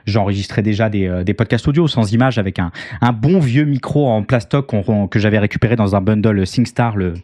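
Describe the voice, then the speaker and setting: A man's voice: fairly low pitch, a little mellow, dry recording, clean studio sound. A man, chatting casually as an interview guest in a hesitant, wordy, self-deprecating way. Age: 30s. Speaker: interview guest, online show host.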